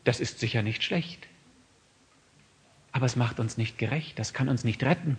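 A man's voice: medium pitch, normal speed. Earnest German-speaking preacher man. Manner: earnest, swings from quiet reflection to raised emphatic appeals; asks the listeners many questions. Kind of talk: sermon.

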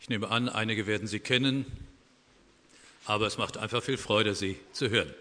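Preacher guy giving a calm christmas sermon, bright clear tone, lots of hall echo. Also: on the low side, normal speed. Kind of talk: sermon with read-aloud fable. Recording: echoey hall reverb.

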